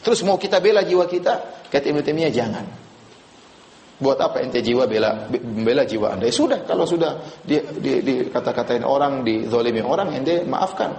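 A man's voice: medium pitch, animated, fairly quick, darkish tone. A man preaching a religious lecture to a live audience, casual and joking, quizzing the listeners. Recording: echoey room.

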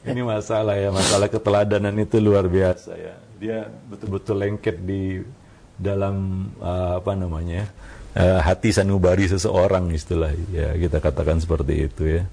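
Unhurried preacher with a gravelly voice. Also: male voice, low-pitched. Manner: calm, unhurried, frequent "ya" tags. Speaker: Islamic preacher answering questions. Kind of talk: religious advice talk on parenting.

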